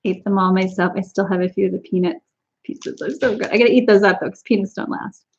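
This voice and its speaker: A woman's voice: medium pitch, steady tone, fast. A woman from Canada hosting a casual live-stream snack tasting, chatty and giggly as she talks to her viewers. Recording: slightly dull lo-fi stream audio.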